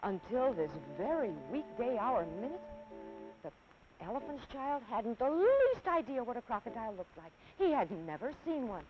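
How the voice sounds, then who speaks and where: A woman in her thirties telling a children's story on television in an animated, dramatic, rhythmic way, on a dull lo-fi 1950s TV kinescope recording. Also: a little high, normal speed, a little hiss or hum. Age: 30s.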